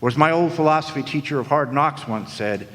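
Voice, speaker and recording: A man with a slightly high, fairly bright voice close to his everyday one talks fairly quickly, playing a sardonic, world-weary private detective in 1940s radio noir first-person narration. He's performing live on stage, and the echoey hall recording picks up background noise.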